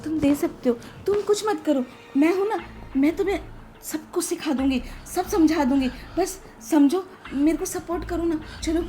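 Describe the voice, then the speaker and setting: A woman playing a high-voiced scheming sister-in-law. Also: normal speed, dark tone. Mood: coaxing pleading. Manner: coaxing, pleading, then bitterly scheming.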